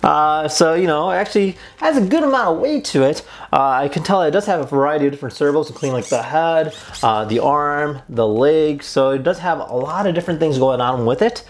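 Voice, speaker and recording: Barely pausing, a young man with a slightly high, expressive voice talks a little fast through a product unboxing and review. The video is casual and conversational, shot indoors in a small room.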